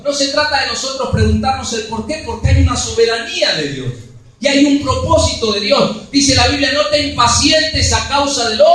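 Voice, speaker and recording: A man preaching a sermon, animated and full of rhetorical questions. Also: extremely high pitch. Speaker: pastor. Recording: echoey hall, far from the mic.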